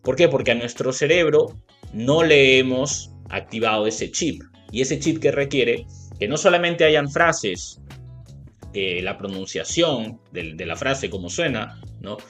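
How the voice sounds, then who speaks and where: A man's voice: mid-range voice, expressive, unhurried, a bit bright, faint music behind. A man with a Latin American Spanish accent teaching a video lesson, explaining step by step and checking in often with the viewer. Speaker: English teacher.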